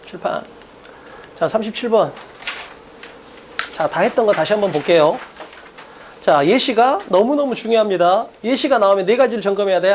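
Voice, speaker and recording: A man teaching an exam-prep English lesson, drilling students with quick rhetorical questions and emphatic repetition. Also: high-pitched, darkish tone. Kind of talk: recorded exam-prep lecture.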